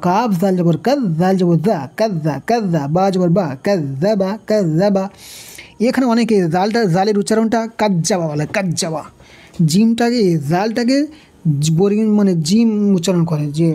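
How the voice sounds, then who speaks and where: A woman's voice: mid-range voice, dark tone. A woman teaching Quran recitation rules step by step, patiently repeating syllables and asking questions as she explains. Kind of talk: step-by-step tajweed lesson.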